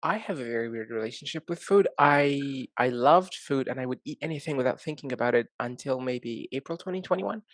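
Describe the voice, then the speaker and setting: A man's voice: medium pitch, expressive, brisk, few pauses, no room sound, studio quality. A man answering interview questions in easy casual chat over a video call, joking and laughing at himself. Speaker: guest.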